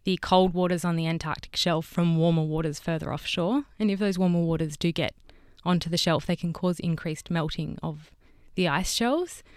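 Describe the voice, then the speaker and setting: Clear-voiced young woman explaining science. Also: on the low side, steady tone, normal speed, few pauses, no room sound, studio quality. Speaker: guest scientist, PhD candidate and fellow show host. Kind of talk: spontaneous explanatory interview talk.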